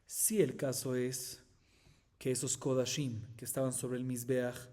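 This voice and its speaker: A man from Colombia teaching a Talmud lesson as a rabbi, with animated rising emphasis and frequent rhetorical questions to his listeners. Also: mid-range voice. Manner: reads Aramaic text in quick chant.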